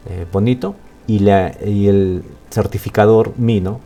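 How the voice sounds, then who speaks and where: A man teaching a Quechua language lesson in Spanish with a Peruvian accent, explaining slowly and checking in often with "¿no?" and "¿sí?". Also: on the low side, dark tone, soft background music. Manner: slow, explaining with frequent "¿no?" and "¿sí?" checks.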